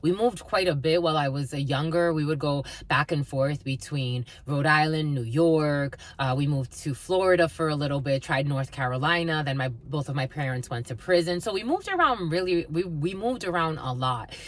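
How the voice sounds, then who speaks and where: This woman's voice sits low, and she talks at a moderate pace with hardly any pauses. She's a northeastern American tarot and energy reader doing a rambling, filler-heavy live reading while speaking fondly to her viewers.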